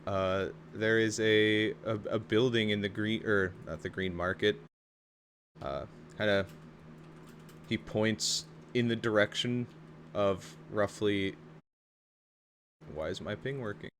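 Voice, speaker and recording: A man narrating a tabletop game casually as game master, halting as he searches for words. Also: lowish voice, fairly even intonation, a bit bright. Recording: clear background noise.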